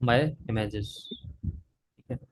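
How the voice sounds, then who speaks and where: With a fairly low, level voice, a Pakistani coding instructor draws out his words over slight background noise. He teaches live on a video call, coughing because of a sore throat, and talks while typing, often pausing to check in with "theek hai."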